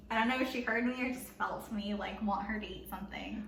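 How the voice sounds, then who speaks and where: A young woman chatting casually as she cooks along, upbeat and excitable, recorded in her home kitchen. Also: mid-range voice, a little fast, gravelly. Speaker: cooking vlogger. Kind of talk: casual cook-along chat. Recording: echoey kitchen with background noise.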